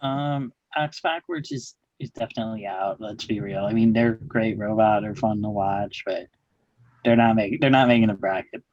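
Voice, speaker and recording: A man co-hosting in casual chat, with an informal, halting way of talking and dull lo-fi sound. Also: fairly low pitch, darkish tone, no echo. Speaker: co-host.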